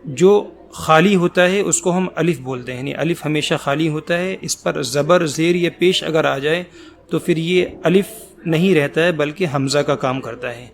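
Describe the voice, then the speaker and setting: Guy teaching quran letters, slow stretched-out sounds, patient, voice a bit high. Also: creaky. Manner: slow, drawn-out letter recitation; patient explaining between letters. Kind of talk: Quran letter pronunciation lesson.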